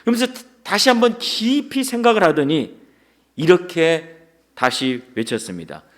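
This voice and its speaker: A male pastor preaching a sermon, telling a story in an animated way and chuckling along. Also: a little high, moderate pace.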